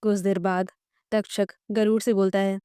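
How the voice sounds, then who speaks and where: Warm woman narrating a story recap. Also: medium pitch, flat delivery, normal speed, smooth, no room sound, studio quality. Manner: reads all characters' lines in near her own voice.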